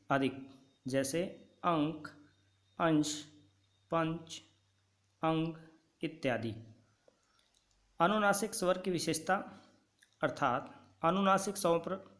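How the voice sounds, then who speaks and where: A male teacher giving a grammar lesson, dictating notes slowly and repeating key points for students to write down. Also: fairly high pitch, fairly bright tone.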